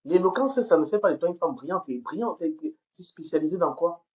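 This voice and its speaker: A woman's voice: fairly low pitch, animated, brisk, darkish tone. A woman delivers a heated livestream rant into her phone. She repeats phrases and stammers as she pushes on, and the audio is dull and lo-fi. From Cameroon. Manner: heated, repetitive, stammers on words. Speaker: livestream host. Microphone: phone camera.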